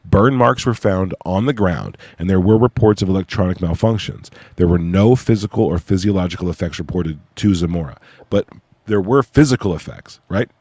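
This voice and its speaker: A man with a low voice, recorded close and dry. He talks like a casual livestream host, informal and a little halting, and his s sounds whistle slightly. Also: darkish tone, no echo. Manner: informal, slangy, hesitant. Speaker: livestream host presenting own research project. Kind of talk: casual livestream chat with read-aloud case notes.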